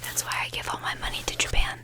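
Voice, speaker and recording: Whispering woman doing nail-tapping ASMR. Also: fast talker. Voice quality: breathy unvoiced whisper. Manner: informal, slangy, sweary, rambling. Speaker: ASMR video host. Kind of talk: whispered ASMR, casual rambling chat. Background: nail tapping and page fluttering.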